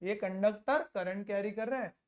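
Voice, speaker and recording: A male teacher giving a classroom physics lesson, repeating key terms slowly and mixing in English, playful and acting out little imagined exchanges. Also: high voice.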